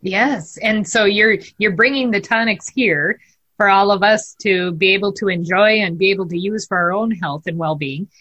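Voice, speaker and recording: A woman's voice: mid-range voice, moderate pace, fairly bright tone, breathy edge, lo-fi sound. A woman hosting a radio talk show, upbeat and polished as she introduces guests.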